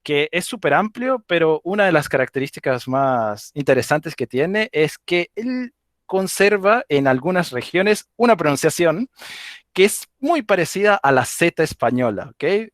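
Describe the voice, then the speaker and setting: A man with a Venezuelan Andean accent explains things in a loose, chatty way, often pausing to ask "ok?". His voice sits a little high for a man. The sound is dry and close, picked up by a video call mic. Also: very animated, dry recording. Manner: explanatory, informal, with frequent "ok?" checks and laughs. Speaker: guest speaker on dialects. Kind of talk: live online talk.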